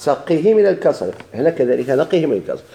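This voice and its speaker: A man's voice: on the high side, sing-song, fast talker, vocal fry, warm tone. A man with a Moroccan Arabic accent teaching a grammar lesson, asking his class questions and answering them himself while he repeats the key points.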